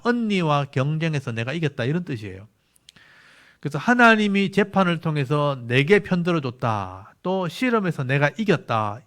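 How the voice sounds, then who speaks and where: A pastor with a Gyeongsang Korean accent and a mid-range voice delivers a Bible lecture sermon. He explains patiently and repeats key words for emphasis.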